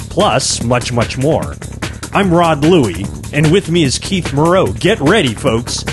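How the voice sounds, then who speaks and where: An American man hosting a podcast, delivering a booming, theatrical announcer-style show opener. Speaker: podcast co-host. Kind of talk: upbeat podcast hosting with scripted intro and casual chat.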